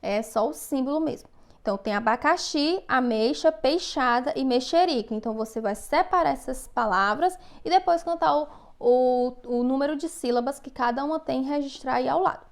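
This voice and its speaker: Patient high-voiced Brazilian teacher. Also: female voice. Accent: Brazilian Portuguese. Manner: patient, slow dictation with frequent "tá bom?" checks. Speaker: first-grade teacher. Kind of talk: recorded remote class instructions.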